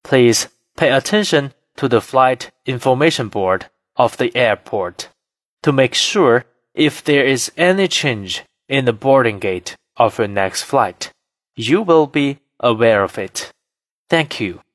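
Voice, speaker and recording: A man reading scripted cabin announcements as a flight attendant, in a formal, measured, phrase-by-phrase manner. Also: mid-range voice, animated, no room sound, studio quality.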